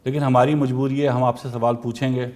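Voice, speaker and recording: A man's voice: mid-range voice, flat delivery, darkish tone. A man, delivering a political commentary monologue, firing pointed rhetorical questions.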